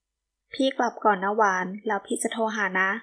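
A woman reading the lines of a hurt, resigned young lecturer in an audiobook, speaking softly and politely. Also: fairly high pitch, steady tone, moderate pace. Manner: soft, polite.

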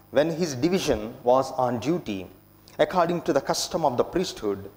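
A man in his thirties, a priest giving a solemn, measured scripture reading at Mass in an echoing church. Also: mid-range voice, darkish tone. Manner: measured, formal delivery. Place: inside a church at the lectern. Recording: echoing church with long reverb.

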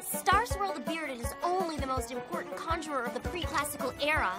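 A woman's voice: high-pitched, fairly quick, natural voice. A woman voicing a bookish young unicorn mare who talks in an eager, lecturing way. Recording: over loud cartoon music.

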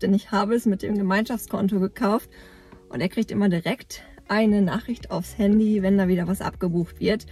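A camping vlogger in her thirties chats casually from inside a parked car, rambling with lots of fillers while filmed on a phone or camera held at arm's length. Her mid-range voice has a darkish tone and a breathy edge.

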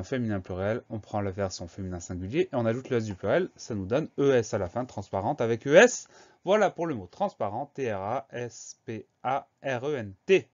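A man teaching a spelling lesson, spelling out words slowly letter by letter. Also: on the low side, darkish tone. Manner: slow, deliberate spelling out of letters. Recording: slightly dull lo-fi sound.

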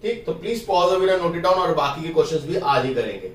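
A man's voice: a little high, animated, brisk, distant mic. A man teaching math in a casual classroom style, talking through each step of the working and checking that pupils follow. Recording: roomy, from off the mic.

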